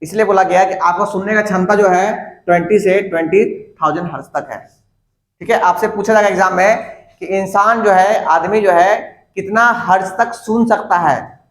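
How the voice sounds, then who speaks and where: A high-voiced man teaches in a classroom, repeating key words for students to copy down and often checking that they follow. The sound bounces around the room. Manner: repeats and dictates terms to students, asks them questions. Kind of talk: classroom lecture. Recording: echoey classroom.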